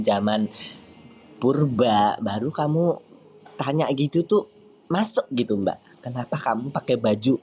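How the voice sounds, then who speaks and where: A man chatting casually on a live stream, answering viewer comments in a playful, teasing way with sudden high squeaky outbursts. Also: mellow, a little hiss or hum. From East Java, Indonesia.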